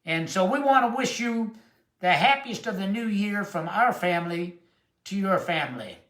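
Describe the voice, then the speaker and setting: A man, preaching a sermon with emphatic, emotional delivery and drawn-out quotes. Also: high-pitched, animated, fairly bright tone. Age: 70s. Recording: echoey room.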